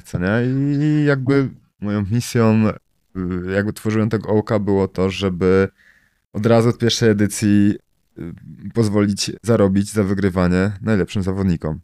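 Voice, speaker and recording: A man talks loosely as a podcast guest, wandering through his points with fillers and tag questions. His voice sits very low and is smooth and resonant. The sound is close and dry. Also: a little mellow, dry recording. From Poland. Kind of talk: casual podcast conversation.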